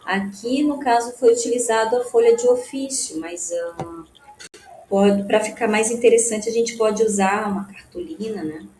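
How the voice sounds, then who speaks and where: A woman teacher explaining classroom activities in a halting way, often tagging phrases with a questioning "né?" and restarting words. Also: a little high, a little mellow, roomy sound, slight background noise, low-quality recording. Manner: halting, frequent "né?" tags and restarts. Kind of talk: explaining a lesson.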